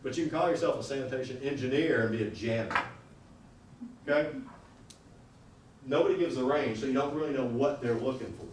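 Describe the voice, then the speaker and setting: A man's voice: mid-range voice, fairly quick, long pauses, background noise. Blunt man lecturing in an echoey room. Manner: blunt, conversational, asks the class questions. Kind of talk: classroom lecture on salary negotiation. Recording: echoey room audio recorded from a distance.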